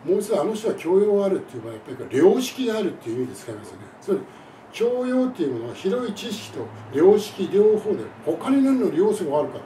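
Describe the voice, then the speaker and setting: A man with a high, lively voice that swoops up and down, speaking as an English teacher in an indignant, scornful monologue. His tone is mellow and dark-timbred. He sounds set back from the mic in a reverberant room with faint background noise. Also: fast talker, distant mic. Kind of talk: monologue lesson and complaint to camera.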